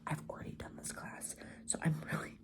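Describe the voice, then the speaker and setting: Young man whispering rambly ASMR chat. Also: a little fast. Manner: rambling, casual, swears often. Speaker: ASMR creator.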